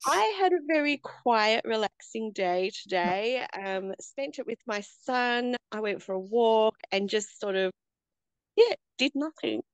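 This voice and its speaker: A woman, chatting in a friendly, easygoing way with quick asides over a video call from home. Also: fairly high pitch, expressive, clean tone, no room sound, poor audio. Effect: heard over a video call. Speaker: course participant. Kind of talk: casual video-call chat. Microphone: computer or phone on a video call.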